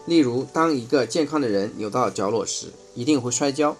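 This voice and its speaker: A man reading a first-person nonfiction book aloud in a measured, explanatory way. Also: mid-range voice, animated, soft background music. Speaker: audiobook reader.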